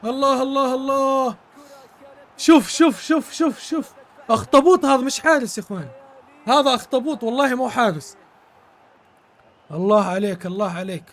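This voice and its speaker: A man's voice: very high voice, expressive, fast, long pauses. A man streaming a football video game, commentating live, exclaiming in bursts, repeating words and thanking his viewers. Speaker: gaming streamer.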